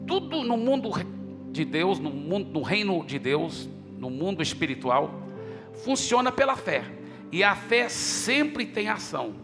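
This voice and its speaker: A man's voice: sits high, big pitch swings, a little slow. A male pastor preaching a sermon, passionately retelling his prayers and urging leaders to come forward. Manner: impassioned preaching with dramatic retold dialogue. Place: church auditorium. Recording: church hall reverb with faint music.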